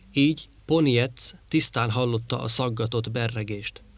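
A man reading a science fiction story aloud in a measured storytelling manner. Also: medium pitch, fairly bright tone, dry recording. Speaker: audiobook narrator. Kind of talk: scripted narration.

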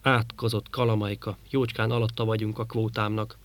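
A man voicing a gruff, grumbling male space trader in an audiobook reading. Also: fairly low pitch, flat delivery, close to an everyday voice. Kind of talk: audiobook character voice.

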